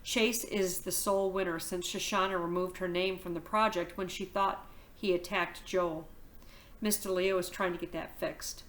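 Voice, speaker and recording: A woman, a teacher reading a novel aloud to her class, telling the story in a lively, expressive way. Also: on the low side, moderate pace.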